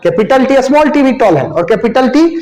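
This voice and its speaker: High-voiced man teaching biology, echoey room. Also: lively intonation, a little mellow. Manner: repeats terms slowly while writing, asks questions to the class. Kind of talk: classroom lecture.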